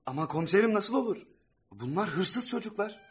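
A man's voice: high-pitched, animated, fairly quick, soft background music. A man playing an insistent, dutiful police officer in a radio play. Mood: protesting. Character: adult male police officer reporting arrested thieves.

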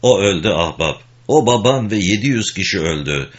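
A man's voice: low-pitched, expressive, normal speed. A man voicing a small, wry English soldier who speaks bluntly and matter-of-factly, on a dull lo-fi recording.

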